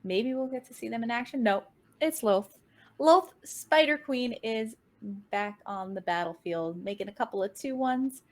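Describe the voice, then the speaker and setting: A woman casting a card game match, giving play-by-play commentary with an upbeat manner and quick swings in pitch and tempo. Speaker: game caster.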